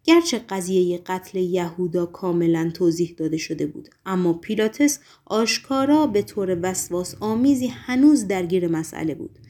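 A woman narrating a novel as an audiobook in a measured, literary reading. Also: fairly low pitch, expressive, mellow.

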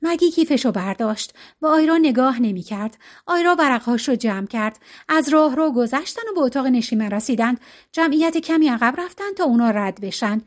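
A woman narrating an audiobook in an expressive, even storytelling voice. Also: high-pitched.

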